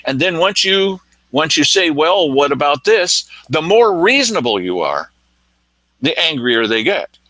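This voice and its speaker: Animated male host with bright voice. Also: fairly high pitch, measured pace, dry recording, rough recording. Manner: animated storytelling, acting out quotes. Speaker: news show host. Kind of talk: casual commentary chat.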